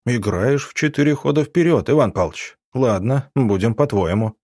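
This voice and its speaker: A man voicing a gruff police chief who barks harsh, mocking threats at a prisoner. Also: medium pitch, animated, moderate pace, darkish tone, no echo, clean studio sound. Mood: grim. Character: gruff male police chief, menacing interrogator.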